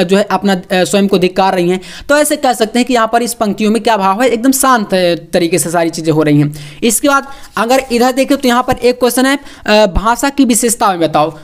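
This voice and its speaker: A young man coaching students for an exam, walking through model answers with emphatic, repeated reminders and coaxing asides. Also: very high-pitched. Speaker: exam prep tutor.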